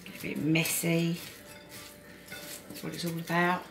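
A woman's voice: lowish voice, completely flat delivery, measured pace, over music, poor audio. A middle-aged woman, a support worker giving a friendly home cooking demonstration and encouraging her viewers. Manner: chatty, encouraging, talks to viewers as "guys". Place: home kitchen, indoors. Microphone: phone camera on the counter. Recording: home phone recording with kitchen clatter.

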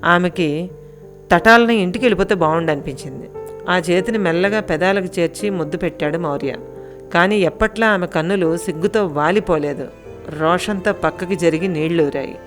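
Calm woman narrating an audio story. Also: lowish voice, normal speed, faint music behind.

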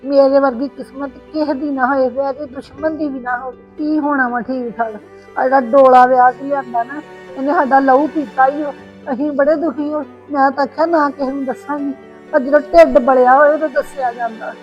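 High-pitched, long-suffering Punjabi aunty, acted by a woman. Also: fairly even intonation, brisk, close to an everyday voice. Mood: aggrieved complaining. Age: middle-aged. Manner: plaintive Punjabi aunty wailing and grumbling. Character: long-suffering Punjabi aunty, aggrieved mother-in-law, lamenting and complaining. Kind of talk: amateur family drama acting. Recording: dull lo-fi sound with background music.

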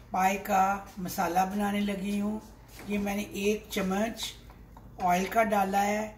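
This is a mid-range female voice with slight background noise, belonging to a woman in her sixties with a Pakistani accent who hosts a cooking show from her home kitchen. She gives unscripted, step-by-step instructions while cooking at the stove, frequently repeating things. Sizzle, stirring, and pot and dish clatter ring through the echoey space.

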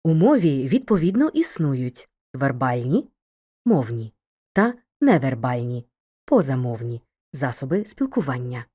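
A woman narrates a school video lesson in a clear, measured way, speaking straight to the student. Her voice sits low and mellow. Her intonation rises and falls in wide, lively swings. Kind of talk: scripted educational narration.

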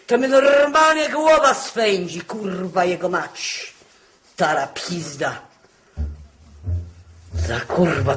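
A woman's voice: low voice, a little hiss or hum. A woman ranting and swearing constantly in a confessional-style talk. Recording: music playing underneath.

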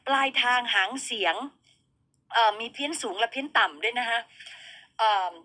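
A woman's voice: fairly high pitch, animated, normal speed, pushed and bright. A middle-aged woman radio DJ in casual on-air chat, teasing and enunciating sounds to make her points. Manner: chatty, teasing, explains with enunciation examples.

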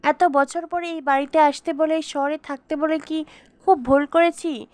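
A woman's voice: high-pitched, steady tone, unhurried, a little mellow, no room sound. A woman reading the regretful words of a grieving older mother in a story recap.

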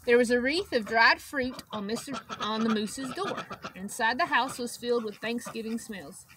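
Outdoors beside a wire poultry pen, a middle-aged woman with a fairly high voice reads a picture book to children expressively, stopping to ask them simple questions. The camera sits a step or two away, catching outdoor ambience and clucking chickens.

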